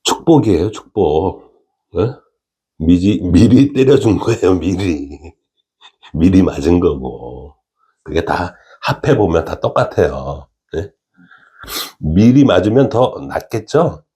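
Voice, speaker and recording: Mellow-voiced man giving a chatty lecture. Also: low-pitched, animated, takes it slowly. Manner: keeps checking in with listeners, chuckles often. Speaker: spiritual lecturer. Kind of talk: casual spoken lecture.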